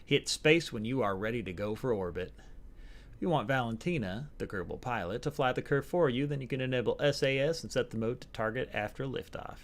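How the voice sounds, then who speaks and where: A man's voice: mid-range voice, expressive, brisk, close to an everyday voice. A man voicing a folksy, upbeat male flight-school instructor in a put-on American Southern accent, reading game tutorial text aloud. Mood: instructive.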